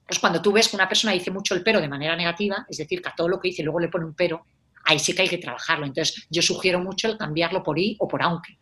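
A woman working as a life coach explains ideas casually and conversationally, animatedly acting out example phrases. Her voice is fairly low in pitch, and she talks at a racing speed.

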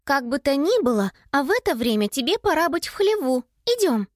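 A woman's voice: high voice, sing-song, fairly quick, no echo, voice pushed up. A woman voicing a young girl who urgently coaxes and calls after a runaway sheep in an audiobook story. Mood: coaxing. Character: girl Annika, bossy and caring with her sheep.

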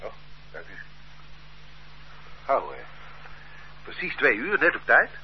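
In a radio drama, an actor voices an easygoing older man who hangs around the street, chatty and baffled at being accused. His mid-range voice moves slowly, lively and homely as he protests his innocence. The recording is dull and lo-fi with a faint hiss.

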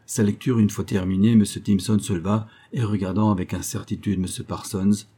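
A man narrating a classic humorous story in measured, even audiobook reading. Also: lowish voice, slightly rough.

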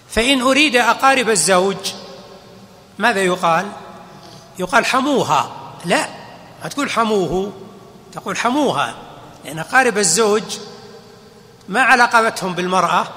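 A man's voice: high voice, sharp tone. A man teaching grammar as a sheikh, explaining step by step and quizzing his listeners. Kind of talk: classroom explanation. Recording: long hall reverb.

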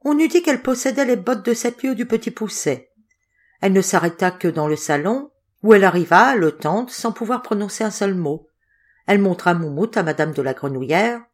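A woman reading a storybook audiobook aloud in an expressive, measured way. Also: medium pitch. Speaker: audiobook reader. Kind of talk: storybook narration.

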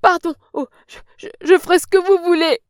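Woman doing a fat old procuress, oily throaty voice, blustering and loud, dry close sound. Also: a little high, moderate pace, clear, resonant tone, dry recording, close to an everyday voice. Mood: shrieking. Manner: blustering, shrieks and whimpers in fear. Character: fat old female procuress, coarse and cowardly.

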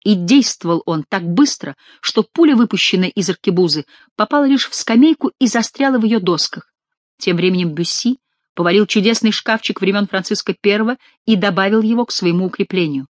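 A woman narrating a dramatic adventure novel as an audiobook reader, with expressive storytelling. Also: medium pitch, a little fast, no echo.

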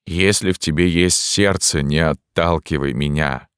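A man reading aloud acts out a desperate priest torn by obsessive love, his pleas rising and pressing hard. Under the strain the voice keeps a low, deep base. The recording is dry and close. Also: measured pace, a bit bright, clean tone, no room sound. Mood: pleading. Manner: pleading, passionate, with outbursts. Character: tormented middle-aged priest, desperate and obsessive. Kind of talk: dramatic audiobook reading.

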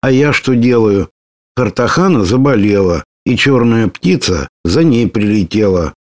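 A man voicing a lively, bold young woman warrior who talks brashly and teases. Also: fairly low pitch, measured pace, dry recording, pitched above the performer's own voice. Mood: indignant. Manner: brash, teasing, excitable.

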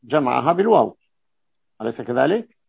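Gravelly man teaching grammar. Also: medium pitch, big pitch swings, fairly quick, no room sound. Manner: explains by repeating terms and asking checking questions. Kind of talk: classical grammar lesson with questions to students. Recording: dull lo-fi dry recording.

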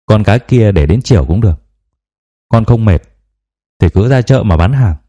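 A weary old grandmother in a spoken novel, passing on old tales in a gentle, unhurried way, as a man reads her lines. The voice is deep and mellow, close to the narrator's own. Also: animated.

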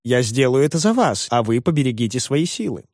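A man playing a sly, gallant traveling salesman who speaks knowingly and soothes with flattery, his lines lively in pitch. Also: a little fast, no echo, studio quality. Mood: teasing.

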